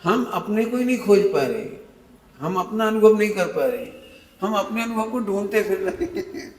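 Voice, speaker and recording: A man preaching a sermon to a live audience. He speaks emphatically, repeats key words slowly and asks his listeners questions. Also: high-pitched, lively intonation, a little mellow. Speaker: Jain preacher. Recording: echoey hall.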